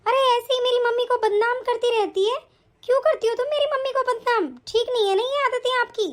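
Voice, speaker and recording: A woman's voice: very high-pitched, monotone, pushed and bright, voice pushed down. Woman doing a snappy spiteful sister-in-law. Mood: accusing. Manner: snappy, quick, accusing. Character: spiteful young sister-in-law, sharp-tongued.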